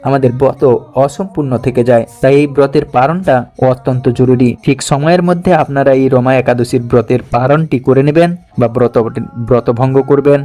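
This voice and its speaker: A man plainly explaining the timings of a religious fast in an instructive way. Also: medium pitch, mellow, faint music behind. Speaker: devotional presenter.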